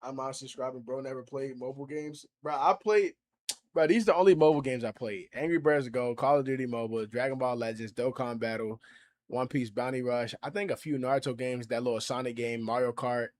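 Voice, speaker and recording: Young male streamer in his twenties, loose and slangy, mid-pitched voice, talks back to chat. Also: brisk, darkish tone. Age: 20s. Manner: slangy, reacts to and reads out viewer chat. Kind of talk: casual livestream chat.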